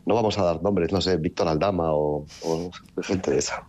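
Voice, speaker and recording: A man's voice: low-pitched, moderate pace, a little mellow. A middle-aged man from the Country, an author chatting in an interview. He rambles with many restarts and a wry, ironic streak. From Basque Country, Spain. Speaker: novelist being interviewed. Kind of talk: casual interview talk.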